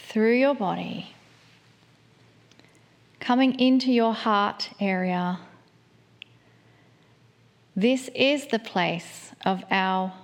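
Slow, soft woman guiding a meditation. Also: mid-range voice. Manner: soft, soothing, gentle phrasing with long pauses. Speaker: guided meditation leader. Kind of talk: guided meditation.

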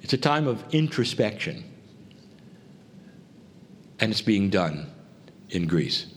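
A man giving a spiritual channeled talk to a group, speaking in deliberate, solemn phrases with pauses. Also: lowish voice, big pitch swings. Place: live before a group. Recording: faint background noise.

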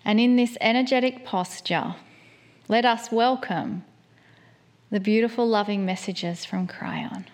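Brief: female meditation guide, very unhurried, soft and soothing delivery with long pauses. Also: a little high.

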